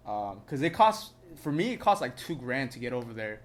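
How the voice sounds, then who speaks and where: A man's voice: medium pitch, very animated, normal speed. A young man from Southern California, co-hosting a podcast in loose, profane, filler-heavy casual chat. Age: young adult. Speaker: podcast co-host.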